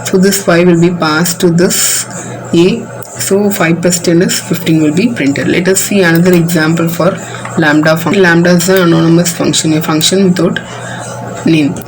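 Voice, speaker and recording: A woman's voice: fairly low pitch, steady tone, normal speed, slight background noise, poor audio. A woman teaching a computer science class. She walks patiently through code line by line, starting most sentences with "so". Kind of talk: classroom coding demo lesson.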